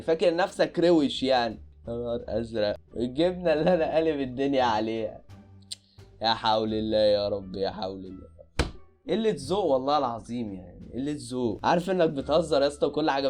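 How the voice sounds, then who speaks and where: Fast-talking Egyptian man reacting. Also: mid-range voice. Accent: Egyptian Arabic. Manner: loud exclamations, repeated cries of disbelief. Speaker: YouTuber reacting to videos. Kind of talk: casual reaction commentary.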